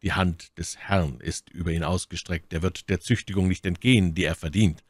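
A man's voice: low-pitched, fairly even intonation, normal speed, no echo. A man reading an audiobook, voicing a stern, pious young officer guard who speaks in a reserved, earnest way. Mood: grim.

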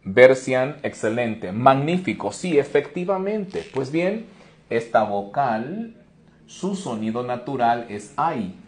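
A man's voice: medium pitch, very animated, slow. A man teaching English pronunciation in an online lesson, explaining each rule step by step and praising viewers by name.

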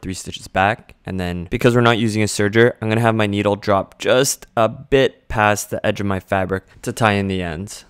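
Smooth low-voiced man explaining sewing steps. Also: no echo, studio quality. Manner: casual, steady step-by-step explaining. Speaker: sewing tutorial host. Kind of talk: instructional voice-over. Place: home sewing studio, indoors. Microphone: studio mic on desk stand.

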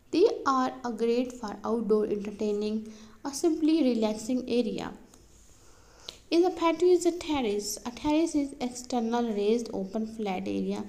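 A woman's voice: a little high, darkish tone, rough recording. Woman reading a garden explainer. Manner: reads questions and answers like a list, with some slips and restarts. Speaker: narrator. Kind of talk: read-aloud explainer narration.

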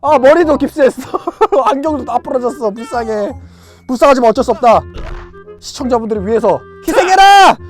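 A VR game YouTuber giving excited gameplay commentary, loud and playful, yelling at the characters in the game. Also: high voice, brisk, faint music behind.

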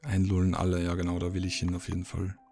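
A man's voice: low voice, completely flat delivery, fast, mellow, faint music behind. A man giving casual gameplay commentary, thinking aloud and muttering his reactions as he plays. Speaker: let's play gamer.

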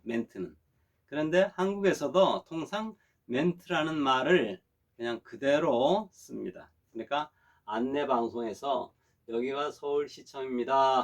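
Patient middle-aged male Korean teacher. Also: medium pitch. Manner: patient, repeats and checks understanding, models phrases slowly. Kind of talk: classroom lesson.

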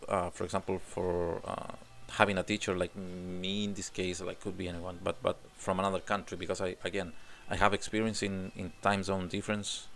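A low, gravelly voice with a slightly bright quality belongs to a Chilean man in his forties, an English teacher applying for a job. Brisk and level-toned, barely pausing, he records interview answers in English with a Chilean Spanish accent into a desk condenser mic in frame, in a home room with guitars on the wall. He often repeats words while searching for them.

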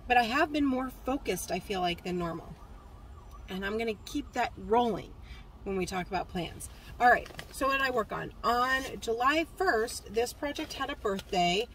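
A woman's voice: on the high side, animated, moderate pace, a bit bright, a little hiss or hum, poor audio. A woman in her forties chatting casually to a phone camera from a parked car, rambling with lots of fillers and restarts. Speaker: cross-stitch vlogger. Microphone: phone camera at arm's length.

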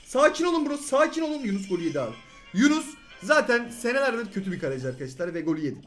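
Young male gaming host, high and quick, excitable, yells at teammates, faint game music behind. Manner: rapid, excitable, shouts at teammates, repeats words. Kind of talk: excited live gameplay commentary.

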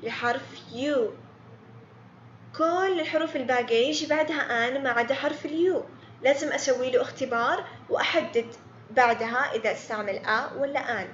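A woman's voice: high-pitched, fast, fairly bright tone, roomy sound, lo-fi sound, slight background noise. A woman teaching a beginner English grammar lesson online, patiently repeating words and quizzing students by name.

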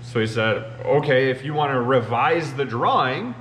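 Animated and fairly bright, with a medium pitch and normal pace, this machinist show host in his thirties explains shop matters conversationally to the camera, leaning on "you know" often. He stands across a big machine shop, where the sound is roomy with a low hum.

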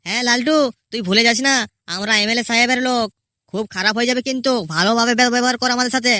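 A sneering male village thug from a cartoon comedy, voiced by a woman, high-pitched and bright. He talks in a taunting, mocking way and needles a couple with fake politeness. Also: fairly even intonation, fast talker, no echo, clean studio sound.

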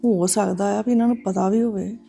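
A wary woman in a family drama series who keeps giving cautious advice, played by an actress. She speaks at an ordinary mid pitch over faint background music. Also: steady tone, brisk, natural voice. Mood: worried, muttering. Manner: cautioning, advising. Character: wary woman urging caution about a match. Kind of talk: domestic drama acting.

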